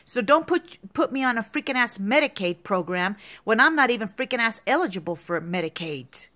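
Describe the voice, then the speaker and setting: A woman in her fifties rants angrily to the camera, agitated, repetitive and heavy with profanity. Her voice is a little high, animated and fairly quick, with a pushed, bright quality.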